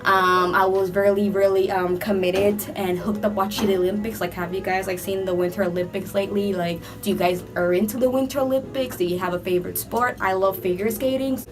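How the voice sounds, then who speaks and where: A young beauty vlogger, slightly under the weather with a cold, does a casual makeup tutorial indoors under hot filming lights, with background music playing. She's chatty and rambling and says "like" a lot. Her mid-range voice is fairly even in intonation, fairly quick, with few pauses.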